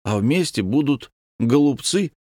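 A man's voice: medium pitch, animated, a little slow, darkish tone, no echo, voice pushed up, lightly acted. Good-humored navigator; male narrator doing him, joking, close dry read. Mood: jovial. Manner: jovial, reassuring.

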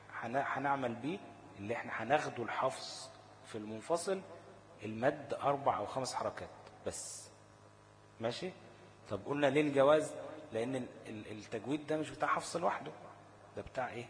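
A male teacher with an Egyptian Arabic accent leads a tajweed lesson, constantly checking in with the class and answering his own questions. His voice sits at a middling pitch and carries a long reverb. A faint hum runs under the recording. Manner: asks rhetorical questions and answers them himself, checks in with "okay?"; slows to chant short recited examples. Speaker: Quran recitation teacher.

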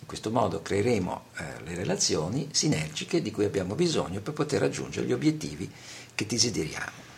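A male lecturer with a low, gravelly voice whose pitch rises and falls in a lively way. He speaks in a measured manner, pausing often and filling gaps with hesitant "eh" sounds as he explains. Faint background ambience sits under his voice. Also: a little hiss or hum. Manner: measured, with frequent pauses and "eh" fillers. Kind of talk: spoken lecture.

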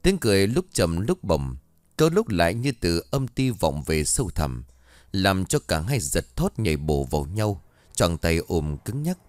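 Low-voiced man reading a ghost story. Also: big pitch swings, measured pace, a little mellow, no echo.

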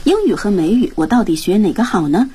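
A woman's voice: medium pitch, expressive, a little fast, warm tone, husky, dry recording. A woman hosting a radio English lesson, guiding the discussion by posing questions and repeating words after the reader. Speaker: host.

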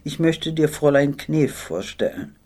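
A woman's voice: low voice, animated, moderate pace, warm tone, slightly rough. A woman reading an audiobook, voicing a reserved man who speaks curtly and dryly. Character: reserved adult man, dry and impatient.

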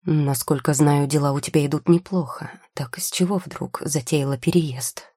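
A woman's voice: low-pitched, normal speed, warm tone, slightly rough. A woman voicing a teasing young male potion-maker who needles his rival with dry, mocking questions. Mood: probing. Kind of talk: audiobook character voice.

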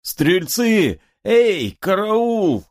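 A man's voice: low voice, lively intonation, slow. A man voicing a drunken, quarrelsome bearded old priest who bellows and wails for help. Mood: wailing. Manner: bellowing, wailing cries.

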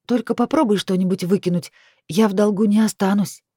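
A woman's voice: medium pitch, steady tone, brisk, mellow, husky, dry recording, studio quality, pitched above the performer's own voice, close to an everyday voice. A woman voicing a sarcastic, defiant young woman in a fantasy audiobook. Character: sharp-tongued young woman heroine.

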